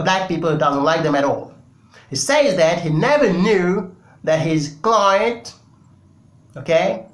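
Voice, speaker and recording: The fairly high, fairly bright voice belongs to a Senegalese man, native in Wolof, offering emphatic political commentary in English to camera with lots of fillers. The recording has a roomy sound.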